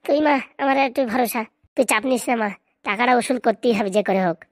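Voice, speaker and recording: A woman's voice: on the high side, fast, no room sound, studio quality, natural voice. A woman voicing a quarrelsome middle-aged housewife in a Bengali cartoon, with a Bengali accent and a coarse, scolding way of talking. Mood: scheming.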